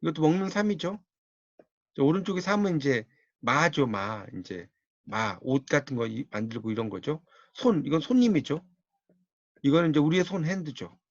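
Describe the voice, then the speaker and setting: A man with a Gyeongsang accent lectures, explaining patiently and repeating each key word. His voice sits a little high. The recording is dry and somewhat muffled. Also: lively intonation, normal speed, no echo. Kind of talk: lecture on Korean linguistics.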